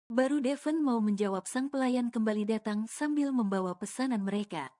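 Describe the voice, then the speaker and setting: A woman narrates a romance audio novel in an even, steady telling. Her tone is mellow and warm, sitting somewhat high. She slips in casual colloquial asides. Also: normal speed.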